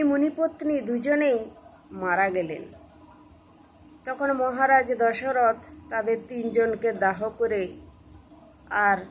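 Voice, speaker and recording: Woman storyteller, devotional tale, slow and gentle, slightly high voice, faint hiss. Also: poor audio. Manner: slow, gentle narration, voicing characters' lines.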